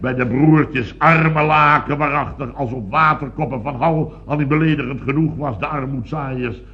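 A man's voice: medium pitch, moderate pace, dull audio, a little hiss or hum, lightly acted. An actor playing a fussy, pompous rich businessman in a radio comedy, blustering and exclaiming. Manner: blustering, exclamatory, self-mocking.

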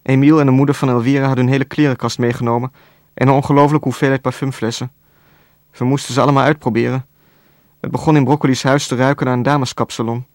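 A man reading a novel aloud as narrator, in a calm, even storytelling voice with a dry wit. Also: medium pitch, fast, no echo. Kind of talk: scripted audiobook narration.

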